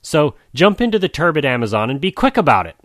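A man's voice: on the high side, big pitch swings, quick pace, fairly bright tone, no echo, clean studio sound, voice pushed up. A man voicing a confused young male jaguar who complains in a flustered, fussy way.

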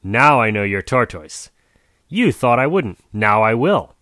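A man's voice: mid-range voice, sing-song, unhurried, bright, forceful tone, no echo, studio quality. A man voicing a confused young male jaguar who complains in a flustered, fussy way.

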